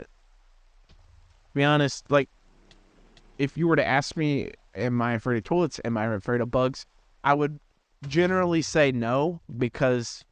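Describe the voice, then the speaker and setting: A man's voice: medium pitch, clear, resonant tone, no echo. A teenage boy hosting a gaming channel, telling a rambling, self-deprecating story in casual chat with lots of restarts. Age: teens.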